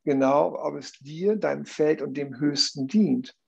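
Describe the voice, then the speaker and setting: A man's voice: a little high, unhurried, vocal fry, breathy edge, dull audio. A man explaining a view earnestly in conversation, often checking in with tag questions.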